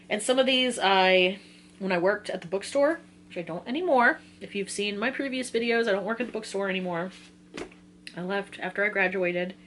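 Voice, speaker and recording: Giggly and prone to interrupting herself, a twenty-something book vlogger runs through a book list in a casual chat with viewers. Her voice is fairly low yet fairly bright in tone, with slight background noise.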